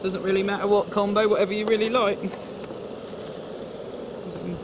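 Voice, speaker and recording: A man's voice: high-pitched, little pitch movement, moderate pace, background noise. A man demonstrating a camp cooking recipe step by step, chatty and instructive as he works, recorded outdoors at a fishing lake.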